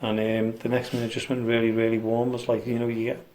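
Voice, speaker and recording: A man leading a ghost hunt in a dark cellar, coaxing spirits to come forward and chatting about what he feels. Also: medium pitch, monotone, quick pace. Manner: coaxing, gentle, chatty asides. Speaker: paranormal investigator.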